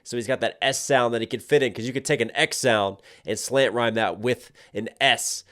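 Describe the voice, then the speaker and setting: A man hosting a music reaction, giving an excited, slangy line-by-line breakdown of rap with hype exclamations and vocalized rhythms. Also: mid-range voice, normal speed.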